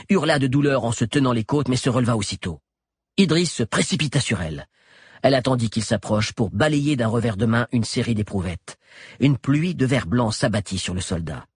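A man narrating an audiobook with an expressive, dramatic delivery. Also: mid-range voice, husky, no echo, clean studio sound.

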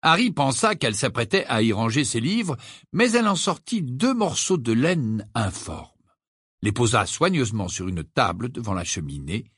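A man's voice: medium pitch, slightly rough, no echo, studio quality. A man narrating an audiobook expressively, acting out the characters. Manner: lively storytelling, acts out characters. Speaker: audiobook reader.

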